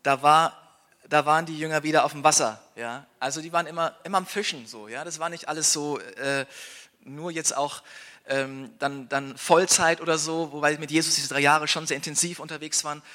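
Bright-voiced man preaching a sermon. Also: on the high side, steady tone, a little fast. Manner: earnest, tag questions like "ja?"; restarts and repeated words. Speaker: pastor and church planter.

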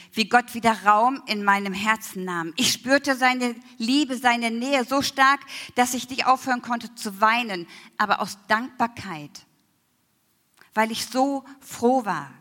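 Woman, bright tense tone, emotional testimony, slow hushed passages, reverberant church hall. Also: a little high. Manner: emotional, slows down and drops to near whispers. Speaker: church member giving testimony. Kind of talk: personal faith testimony.

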